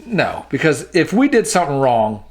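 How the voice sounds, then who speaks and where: A man's voice: on the high side, moderate pace. A man co-hosting a podcast, telling work stories in casual chat and laughing as he goes. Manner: animated, laughs through his stories. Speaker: podcast co-host.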